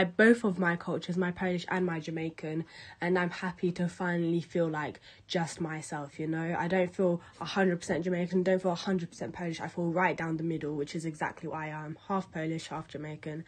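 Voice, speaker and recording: A young woman speaks in a fairly low voice, candid and outspoken, in a relaxed interview. She rants openly and drops swear words without hesitation. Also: normal speed. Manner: candid, ranting, swears freely. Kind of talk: casual personal interview.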